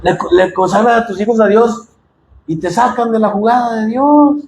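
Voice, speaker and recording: Impassioned Mexican pastor, high voice. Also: male voice, normal speed. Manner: impassioned preaching, often rising to shouts, addressing the congregation directly. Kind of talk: sermon. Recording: echoey room with faint noise.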